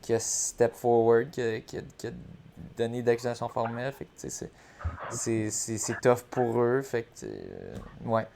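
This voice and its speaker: A man with a Quebec French accent talking casually and speculating, haltingly, with repeated words. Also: mid-range voice, lively intonation, creaky, mellow, a little hiss or hum.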